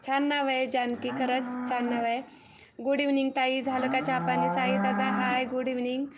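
A woman's voice: sits high, flat delivery, moderate pace, dull audio, heavy background noise. A young woman hosting a casual live stream from her farm home, reading viewers' comments aloud and thanking each by name. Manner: greets viewers one by one, reads comments aloud, repeats thanks. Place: farm home with cattle shed nearby.

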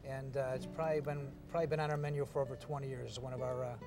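A man's voice: flat delivery, rapid-fire, over music. A middle-aged man, a restaurant manager chatting easily on camera about his place, with many fillers. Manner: easygoing, filler-heavy host-style pitch. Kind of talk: on-camera interview. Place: restaurant bar and dining room.

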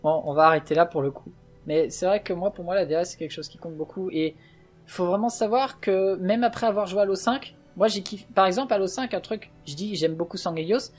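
A man's voice: high-pitched, fairly quick, soft background music. A man hosting a let's play, talking in casual gaming chat, passionate and opinionated, going off on a rant.

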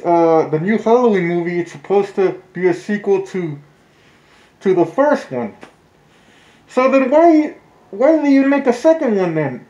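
In a small indoor room with blinds, a vlogger reviews film trailers while wearing a face mask, so his high, warm voice comes through muffled. He chats and rambles casually and swears now and then, and the home recording sounds dull, muffled, and roomy.

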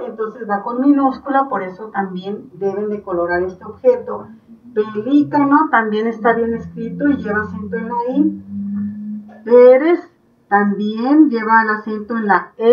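Female primary teacher, Mexican accent, fairly high voice, patient and slow, dull recording from off the mic. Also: far from the mic. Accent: Mexican Spanish. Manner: slow, patient, explaining step by step. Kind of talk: online class for young children.

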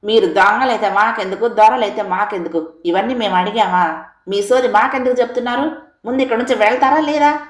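A woman's voice: medium pitch, fast, close to an everyday voice. Cutting, unbending older wife, voiced by a woman narrator, audio story, roomy. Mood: warning. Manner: warning, cutting.

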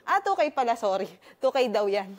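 Excited chatty woman on a house tour. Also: fairly high pitch, fairly quick. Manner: excited, chatty, filler-heavy, switching between Tagalog and English. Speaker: vlogger giving a house tour. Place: indoors, walking through a new house.

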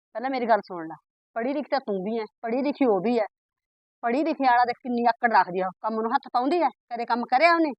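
A woman's voice: no room sound, muffled recording, lightly acted. A woman with a Punjabi accent playing a nagging, scolding village mother in a family drama. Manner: scolding, complaining, quick and shrill. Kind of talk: amateur village drama acting.

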